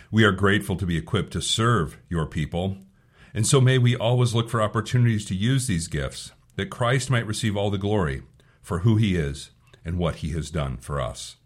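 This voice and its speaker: Hoarse from allergies, this male pastor delivers a devotional sermon and prayer in a voice on the low side. He's earnest, often circling back on repeated words as he collects his thoughts.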